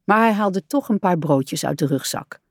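A woman reading a children's story aloud in a calm, even storytelling voice. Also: lowish voice, normal speed, dry recording, clean studio sound.

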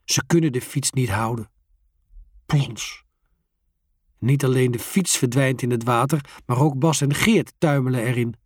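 A storyteller reading a children's story aloud, slowly and expressively. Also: medium pitch, breathy edge, no echo, clean studio sound. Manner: slow, expressive.

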